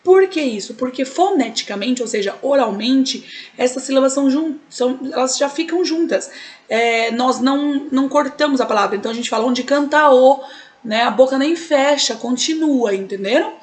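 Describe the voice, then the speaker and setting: A woman's voice: high voice, lively intonation, moderate pace. Brazilian woman teaching poetic meter. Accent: Brazilian Portuguese. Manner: explanatory, checks in with frequent tags. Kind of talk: recorded online lesson.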